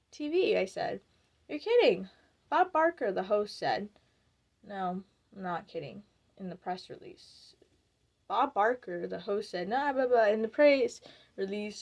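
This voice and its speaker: A woman performing a theatrical monologue as a wry, outspoken young former beauty queen, telling her story and acting out the quotes. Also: mid-range voice.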